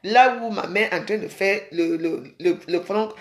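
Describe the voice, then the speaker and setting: A woman's voice: mid-range voice, normal speed, echoey room. A woman from Cameroon, rambling casually to her viewers and calling them sisters. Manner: chatty, addresses viewers as sisters. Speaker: vlogger.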